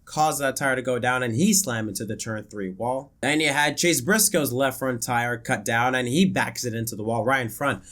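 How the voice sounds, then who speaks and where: Brief: male YouTuber, stuffy and worn-out voice, rambling race recap, mid pitch. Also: moderate pace, hardly any pauses, a bit bright. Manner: chatty, many fillers and restarts. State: congested, voice worn from illness. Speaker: racing commentary YouTuber. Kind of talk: casual race review.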